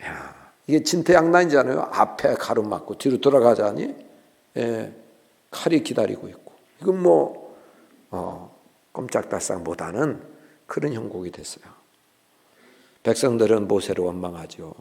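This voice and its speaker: A senior pastor preaching a sermon in a church, telling the story in a lively way and acting out the people in it, often calling to the congregation for a response. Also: male voice, lowish voice, moderate pace, creaky. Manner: animated storytelling, acting out voices of biblical figures. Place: church sanctuary. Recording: long reverb of a church hall.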